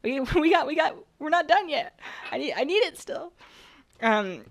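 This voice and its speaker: A young woman from British Columbia, Canada, streams from her home kitchen, baking and reading chat while she rambles casually. Her voice is high-pitched and expressive at a normal speed, though worn because she's recovering from a cold.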